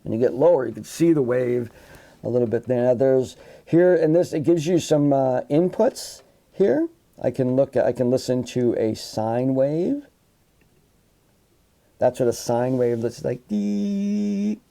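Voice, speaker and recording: A man's voice: mid-range voice, measured pace, warm tone. A man teaching a live online psychology class, talking casually into his computer microphone with frequent restarts and asides. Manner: casual, rambling with restarts, demonstrates sounds with his voice. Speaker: psychology instructor.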